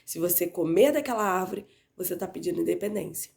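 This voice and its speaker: A Bible teacher with a cold leads her class in a lowish, slightly mellow voice that's nasal, hoarse and gravelly. Speaking expressively and fairly quickly, she keeps things conversational and regularly checks in with listeners by adding "né?".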